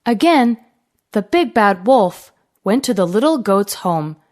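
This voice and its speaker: A woman with a mid-range voice narrates a fairy tale for children, telling it in an expressive, deliberate storytelling style.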